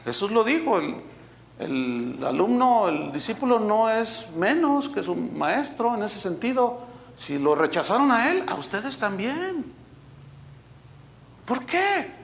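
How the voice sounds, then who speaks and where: This preacher's voice is high and creaky, carrying a Mexican Spanish accent. Delivering a sermon as a pastor, he animatedly tells stories, chuckles, and imitates the voices of the people he cites.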